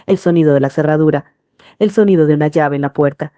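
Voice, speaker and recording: Low-voiced woman telling a story. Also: quick pace, warm tone, no echo, studio quality. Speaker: narrator. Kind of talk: scripted first-person narration.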